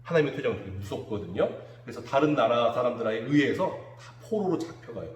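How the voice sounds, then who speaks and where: Lively male children's pastor, echoey hall. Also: mid-range voice, quick pace. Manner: animated, acts out children's quotes. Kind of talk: children's sermon. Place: church room.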